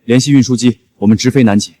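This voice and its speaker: A man's voice: medium pitch, fast, dark tone, natural voice. An actor playing a resolute, intense young man who leads an ocean team by intuition, in a screen drama. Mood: commanding.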